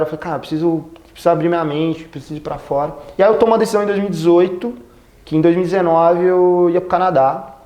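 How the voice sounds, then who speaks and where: A young adult man with a Brazilian Portuguese accent, a guest telling his career story in a casual, slangy, animated way. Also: on the high side. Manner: slangy and animated, acts out dialogue. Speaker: guest, company executive.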